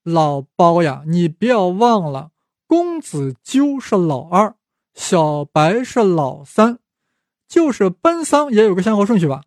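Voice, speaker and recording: Man doing a cunning court advisor, spoken history story, falsely calm, needling, slightly high voice, dry sound. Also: unhurried, dry recording, heavily acted.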